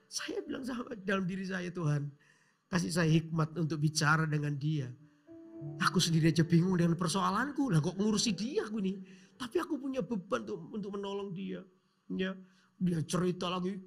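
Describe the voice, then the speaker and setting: A male pastor, preaching a sermon by telling a story, dropping to whispers and then rising to loud calls. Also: high voice, gravelly, slightly rough. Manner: storytelling with sudden shouts and hushed whispers. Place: church.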